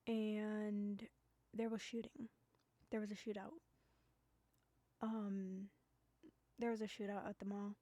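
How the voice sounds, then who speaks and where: A woman streaming live, speaking in a halting, subdued way with many fillers and apologies, hiccuping now and then. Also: mid-range voice, level tone, dark tone, no echo. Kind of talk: casual live-stream talk.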